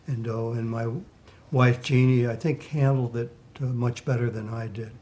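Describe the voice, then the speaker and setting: A man's voice: medium pitch, fairly even intonation, normal speed, dark tone. A bereaved father speaking heartfelt words in a documentary interview.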